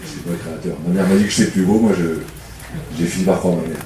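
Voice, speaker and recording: A man's voice: low voice, quick pace, mellow, a little hiss or hum. A man from the Paris suburbs who runs a temp agency, giving a humorous, self-mocking talk at a public debate and chatting with the audience. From Paris suburbs, France. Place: community hall. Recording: echoey hall from far off.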